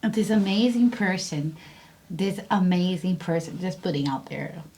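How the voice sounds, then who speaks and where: Giggly Brazilian-accented woman, slow talker. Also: lowish voice, dark tone, slight background noise. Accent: Brazilian Portuguese. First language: Portuguese. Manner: giggly, playful, laughs often. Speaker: podcast co-host. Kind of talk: casual podcast chat.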